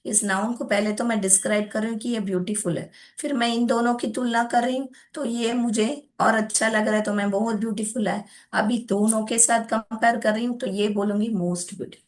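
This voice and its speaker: A woman's voice: fairly high pitch, fairly even intonation, moderate pace, hardly any pauses. A young woman teaching a grammar lesson, patiently explaining step by step and calling her pupils child, mixing English words in.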